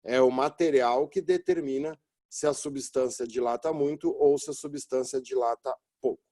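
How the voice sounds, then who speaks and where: A man's voice: mid-range voice, moderate pace, mellow. A man teaching a recorded physics lesson, talking informally and explaining step by step by asking and then answering his own questions. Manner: informal and encouraging, with frequent tag questions. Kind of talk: recorded classroom lecture.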